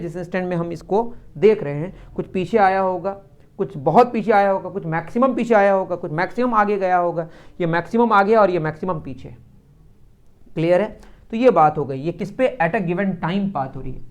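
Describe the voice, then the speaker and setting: A man with an Indian accent teaching a physics lesson, who asks his students questions and then answers them himself. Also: high-pitched. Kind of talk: classroom lecture.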